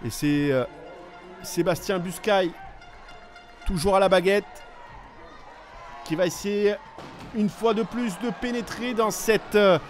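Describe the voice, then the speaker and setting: A man giving excited sports commentary, calling the play as it happens with urgency on each attack. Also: sits high, takes it slowly, pauses often, faint music behind, some chatter behind.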